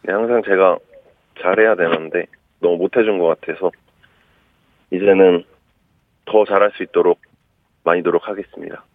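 A man's voice: low-pitched, steady tone, moderate pace, pauses often, no echo. A man calling in to a quiz as a contestant over a phone line, giving polite, short answers.

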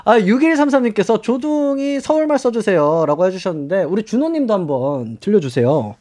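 Brief: upbeat male radio host, high bright voice with a wide, bouncy pitch. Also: a little fast. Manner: lively, laughs often, reads listener messages. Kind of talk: casual radio chat.

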